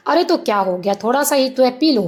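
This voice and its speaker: A woman voicing a gentle elderly husband in a spoken story, talking tenderly and pleading. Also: high-pitched, expressive, fairly quick. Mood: fond teasing. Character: elderly husband, gentle, then grief-stricken.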